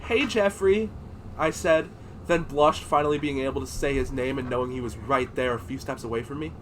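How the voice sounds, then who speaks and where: A young man hosting a podcast, swinging between quiet and loud while doing a comic dramatic reading. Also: medium pitch, fairly quick, a little hiss or hum. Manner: animated, breaks into laughter, swings from quiet to loud. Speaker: podcast host.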